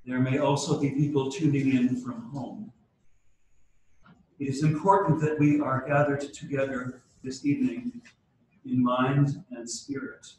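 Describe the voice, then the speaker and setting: A man's voice: mid-range voice, darkish tone, a little hiss or hum. Man speaking in a cathedral echo. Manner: measured and formal, with occasional halting restarts. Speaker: church leader opening a diocesan meeting. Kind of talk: formal address and liturgical prayer. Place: large church hall. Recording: cavernous church echo from a distant mic.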